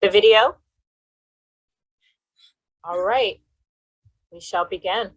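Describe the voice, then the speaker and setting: A woman's voice: mid-range voice, slow pace, lo-fi sound. Woman moderating an online conference.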